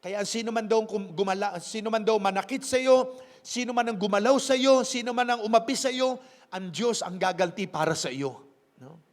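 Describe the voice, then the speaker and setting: A man's voice: high voice, normal speed, in a large hall. A man with a Filipino accent preaching a sermon as pastor, switching between Tagalog and English and tagging phrases with a questioning "no?". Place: church.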